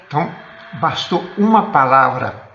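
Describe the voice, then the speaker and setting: A man's voice: medium pitch, lively intonation, measured pace, vocal fry, bright, forceful tone, reverberant, dull audio, slight background noise. A man with a Brazilian accent, a church elder teaching a sermon for an online service and often checking in with his listeners. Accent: Brazilian Portuguese. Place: church, indoors.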